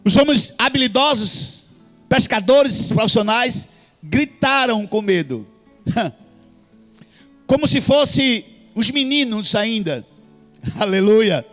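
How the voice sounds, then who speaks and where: A man's voice: very high-pitched, animated, slow pace, pauses often, a bit bright. A man preaching a sermon in church with a Brazilian Portuguese accent, impassioned and sing-song, with frequent hallelujahs. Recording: faint music behind.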